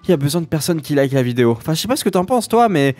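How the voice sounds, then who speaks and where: A hoarse man role-playing a client in a comedic game role-play, rambling in a playful way. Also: a little high, big pitch swings, racing, a little mellow, soft background music.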